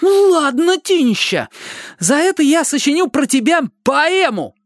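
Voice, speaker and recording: A reader voicing a cheeky young boy who teases his friends in a squeaky, mocking voice in a storybook reading. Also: very animated, unhurried, dry recording, clean studio sound. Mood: teasing. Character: cheeky mischievous young boy, teasing prankster.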